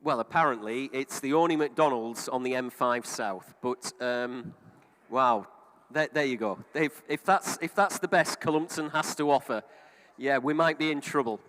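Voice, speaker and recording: A man's voice: mid-range voice, moderate pace, a bit bright. A middle-aged British man working as a car auctioneer, calling bids in a repetitive running patter with chatty asides. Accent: British English. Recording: reverberant hall sound.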